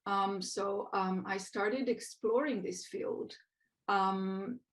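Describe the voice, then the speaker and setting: Woman guest, architect, thoughtful and casual, mid pitch. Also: steady tone, slow pace. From Slovenia. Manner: thoughtful, many fillers and "like". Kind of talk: casual interview.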